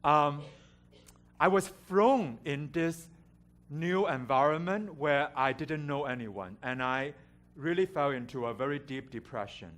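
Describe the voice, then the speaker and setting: A man's voice: on the high side, animated, unhurried, fairly bright tone. Candid Hong Kong-raised man preaching. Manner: candid, self-deprecating, with light humor. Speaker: guest preacher. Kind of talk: personal storytelling sermon. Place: church sanctuary.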